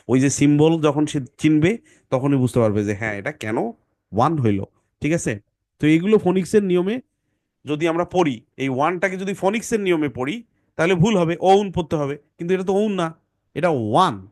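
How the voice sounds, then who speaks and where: A man's voice: a little high, a little mellow, dry recording, studio quality. A man with a Bangladeshi accent teaching an online English phonics class, explaining sounds step by step and often checking whether the listeners follow. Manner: explanatory, asks rhetorical questions and checks understanding often. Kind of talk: online class lecture with screen share.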